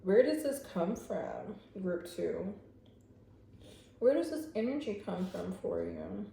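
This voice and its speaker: A woman's voice: mid-range voice, very animated, slow, vocal fry, warm tone, a little hiss or hum. A woman giving a casual pick-a-card tarot reading, chatty and speaking straight to her viewers with lots of fillers. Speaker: tarot reader. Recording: very echoey room.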